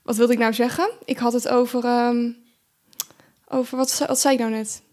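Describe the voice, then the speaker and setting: A woman's voice: a little high, flat delivery, moderate pace, darkish tone. A woman hosting a casual faith conversation, chatty and self-deprecating, sometimes losing her train of thought. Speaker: host, video marketer.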